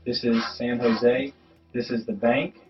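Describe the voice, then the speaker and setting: A man's voice: medium pitch, fairly even intonation, measured pace, highs cut off, soft background music. A man questioning someone in a recorded police interview, methodically repeating details back to confirm them. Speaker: police investigator.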